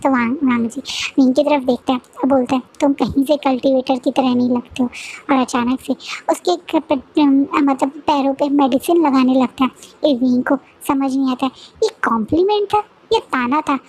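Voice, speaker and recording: A woman narrates a story in a loose, conversational way, with frequent fillers and restarted phrases. Her voice is high and light. She tells it like a friend recapping a plot rather than reading from a script. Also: moderate pace, a little mellow. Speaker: fanfiction narrator.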